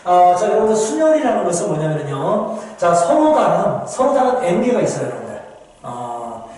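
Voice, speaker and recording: A man's voice: high-pitched, a little mellow. A man teaching a recorded math lecture, explaining step by step with patient repetition, speaking to his students and answering his own questions. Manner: explains patiently, keeps saying "ja" and addressing students; asks questions and answers them himself. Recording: echoey room with long reverb.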